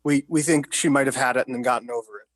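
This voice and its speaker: Recorded dry, a fast-talking man with a steady, mid-range voice shares film-set anecdotes. He's in his thirties, from New York City, and works in film, appearing as a guest in a casual storytelling interview held in his apartment. His style is relaxed and full of fillers, with occasional swearing.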